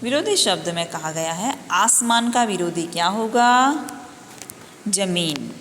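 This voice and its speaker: In an echoey room with faint noise around her, a woman patiently teaches young kids Hindi, slowly spelling each word and saying it again. Her voice sits on the low side, a bit bright and animated.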